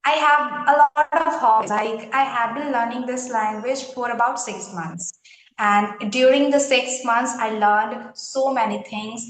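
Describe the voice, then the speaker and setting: A woman's voice: a little high, steady tone, unhurried, echoey room, rough recording. A woman with an Indian accent, speaking hesitantly as an English learner in a casual conversation, with many fillers and restarts. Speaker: English learner being interviewed.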